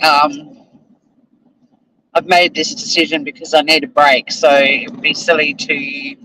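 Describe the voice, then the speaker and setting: Driving and talking casually to camera, a middle-aged Australian vlogger and lawyer rambles, runs himself down and swears now and then. His voice is fairly high with a sharp tone. The low-quality recording has slight background noise.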